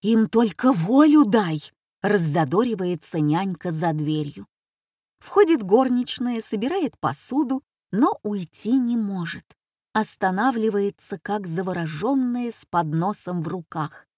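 A woman reading a humorous story aloud in calm, even narration. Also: medium pitch, unhurried, dry recording, studio quality. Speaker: reader.

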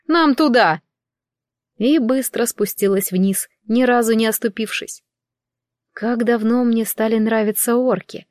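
A woman narrating a first-person fantasy audiobook in a wry, even storytelling manner. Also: fairly high pitch, unhurried, no room sound, studio quality. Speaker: audiobook reader.

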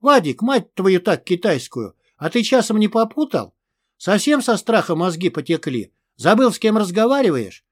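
Guy doing a big loud army dude, middle-aged, bellowing and swearing, high-ish voice. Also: very animated, normal speed, no echo, studio quality. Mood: domineering. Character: burly loud soldier man, middle-aged, boisterous.

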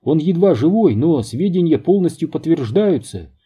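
A man doing a chatty excited young woman. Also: sits high, unhurried, breathy edge, voice pushed up, exaggerated voice. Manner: breathless, insistent gossiping.

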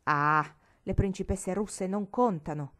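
Una donna che legge dà voce a una bambina prepotente e sfacciata, con tono canzonatorio e saccente. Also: female voice, medium pitch, slow pace, fairly bright tone. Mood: bossy. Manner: teasing, self-important. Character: bossy cheeky little girl. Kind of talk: audiobook reading.

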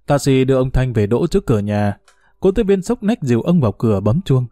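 A man narrating an audio story in a steady storytelling voice. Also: medium pitch, a little fast, no room sound. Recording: faint music behind, dry.

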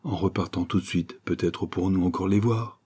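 A man voicing a calm young Frenchman, the elder brother, speaking in a steady, plain way with a low, dark, husky voice. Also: a little fast. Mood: resolute.

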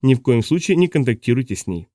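A man's voice: medium pitch, very animated, quick pace, mellow, no echo, studio quality, close to an everyday voice. Man reading as a curt, dismissive doctor. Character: dismissive male clinic doctor, cold and curt.

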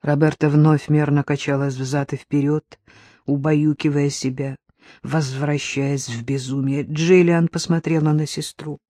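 An audiobook narrator reading dark literary fiction in a low, hushed, dramatic delivery. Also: level tone, a little slow, dry recording, clean studio sound.

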